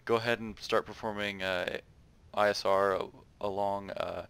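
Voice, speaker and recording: A man's voice: fairly low pitch, fairly even intonation, moderate pace, gravelly, a bit bright, smooth, no room sound. A man acting as radio operator in a military simulation game, mixing procedural calls with casual chat, his phrasing somewhat hesitant.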